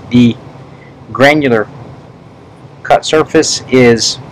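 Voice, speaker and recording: A man dictating a medical specimen report in a measured way, speaking the punctuation aloud. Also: mid-range voice, poor audio. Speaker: pathology specimen prosector. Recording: steady background room noise.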